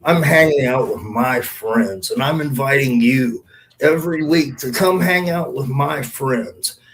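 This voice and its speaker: A podcast host with a voice on the high side comes through a rough recording. In a casual, heartfelt monologue and chat, he swears freely and speaks to his listeners as though they were friends.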